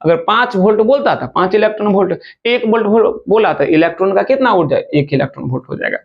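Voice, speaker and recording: A male physics teacher races through exam questions in a quick, chatty way. His voice sits high and gravelly. The recording sounds dull and lo-fi. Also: lively intonation. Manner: fast, chatty, addresses students informally as "bachcha". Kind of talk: objective-question exam lesson.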